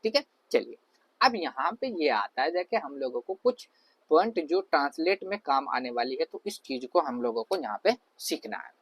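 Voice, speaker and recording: A man's voice: a little high, expressive, normal speed, a bit bright, husky. A man teaching an online class. He explains patiently, repeats himself often and uses many fillers. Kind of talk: classroom lecture over slides.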